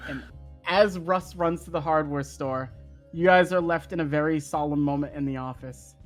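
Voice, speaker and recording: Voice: mid-range voice, normal speed. A game master narrating an improvised tabletop role-playing scene for a stream. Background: music.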